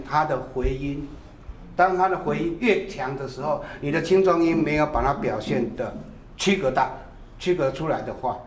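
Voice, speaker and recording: A man's voice: medium pitch, roomy sound, slight background noise. A man teaching a drum class who calls out counts and short cues between demonstrations.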